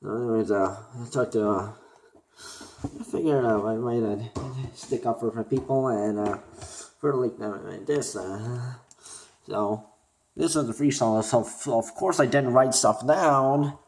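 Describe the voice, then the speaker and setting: A young man from Korea, talking unscripted to camera as a student vlogger, halting and full of fillers and restarts. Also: medium pitch. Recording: roomy echo.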